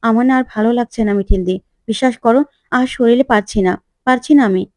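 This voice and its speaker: A woman's voice: on the high side, fast talker, a little mellow, dry recording, clean studio sound, close to an everyday voice. A woman voicing a weary, unwell young bride-to-be in a retold TV serial, tired and defensive.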